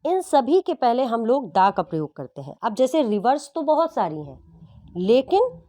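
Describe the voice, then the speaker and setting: A woman's voice: fairly high pitch, big pitch swings, moderate pace, dark tone, dry recording. A woman teaching English grammar to exam students, explaining patiently and often checking whether the class follows. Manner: patient, repeats and checks understanding.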